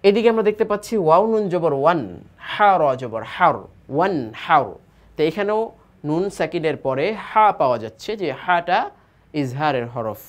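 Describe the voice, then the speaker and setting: Man teaching Quran reading, slow spelled recitation. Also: on the high side. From Bangladesh. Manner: spells out letters, then drawls the blended words slowly; asks rhetorical questions and answers them himself. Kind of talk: tajweed lesson, spelling and reading aloud.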